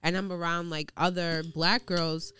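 Smooth-voiced young woman hosting a podcast. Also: lowish voice, little pitch movement, unhurried, pushed and bright, no echo, clean studio sound. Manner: candid, slangy, swears freely. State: congested. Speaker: podcast host. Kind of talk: casual podcast chat.

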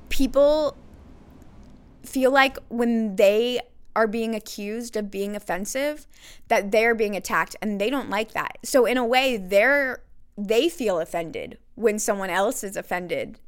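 Hosting her own podcast alone, a woman talks openly in a chatty way, often restarting and filling pauses, and mentions her own sarcastic side. Her medium-pitched voice is clear and resonant.

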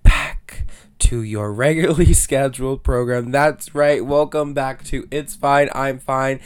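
A man's voice: medium pitch, steady tone, unhurried, clear, resonant tone, dry recording, clean studio sound. A man with allergy congestion, hosting a casual solo podcast in a rambling, slangy, self-interrupting way. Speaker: podcast host.

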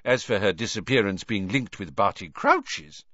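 A man's voice: lively intonation, moderate pace, sharp tone, dry recording. A man reading an audiobook, voicing a flustered, pompous male government minister who blusters indignantly. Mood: blustering. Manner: blustering, indignant, high-pitched. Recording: dull, dry audiobook recording.

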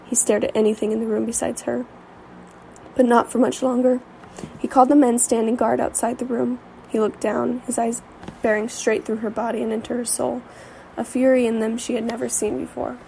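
A woman's voice: fairly high pitch, flat delivery, brisk, gravelly, dark tone, a little hiss or hum, rough recording. A woman reading a fantasy story aloud, with occasional slips and restarts. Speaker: reader. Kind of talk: storybook narration.

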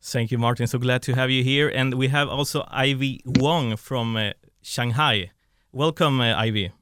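A man's voice: mid-range voice, moderate pace, a bit bright, clean tone, no echo. A man hosting a panel, welcoming guests briefly and a little hesitantly. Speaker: host.

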